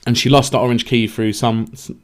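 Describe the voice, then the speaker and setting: A man's voice: medium pitch, a little fast. A man co-hosting a board game podcast, chatting casually and telling stories with laughs. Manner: animated storytelling with laughs. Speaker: podcast co-host. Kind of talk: casual chat.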